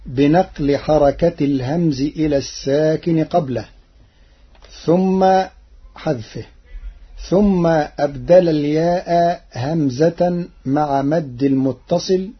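A man with a slightly high, husky voice teaches Quranic recitation rules at an unhurried pace. He explains each point methodically and draws out the quoted verses. The recording sounds dull and lo-fi.

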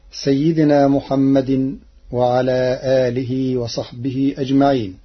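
Slow careful recitation teacher, guy with a breathy kinda high voice, muffled lo-fi sound. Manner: measured, methodical explanation with verse quotes drawn out slowly. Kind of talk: explaining Quranic recitation rules.

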